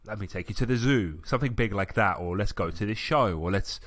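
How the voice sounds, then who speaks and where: A young man with a fairly low voice talks through a personal story on a podcast. He is reflective and easygoing, with frequent fillers and restarts. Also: fairly quick, fairly bright tone. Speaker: podcast co-host. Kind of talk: casual chat.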